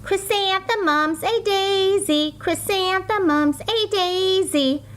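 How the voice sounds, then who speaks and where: A teasing little schoolgirl from a picture book, acted out by a woman reader. The voice is pitched high and lilts in a mocking, sing-song way. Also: slow, fairly bright tone, full character voice.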